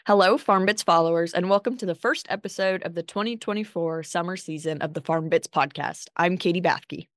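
A woman's voice: fairly low pitch, steady tone, brisk, few pauses, no room sound, studio quality. Upbeat young woman podcast host. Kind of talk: scripted intro then interview.

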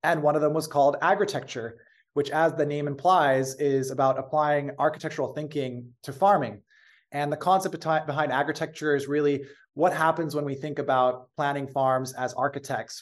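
Telling his story as a guest in a casual interview, an American company founder speaks in a measured, fluent manner, letting the odd filler slip in. His voice sits a little high.

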